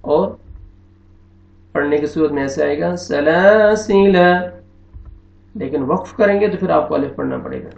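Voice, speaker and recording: A man with an Urdu accent teaching Quran reading in an online lesson, explaining patiently and repeating each word slowly. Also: fairly high pitch, wildly swooping pitch, creaky, darkish tone. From Pakistan. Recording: echoey, dull lo-fi room.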